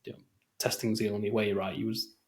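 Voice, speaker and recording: Lowish-voiced man rambling casually. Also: little pitch movement, fairly quick. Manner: rambling, many fillers and restarts. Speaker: podcast co-host. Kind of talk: casual chat.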